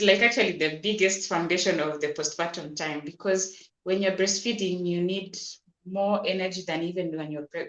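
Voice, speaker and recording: A woman doctor, patiently explaining health advice in an interview, often repeating words and restarting. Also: on the low side. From Kenya. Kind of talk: advisory interview answers. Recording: roomy echo.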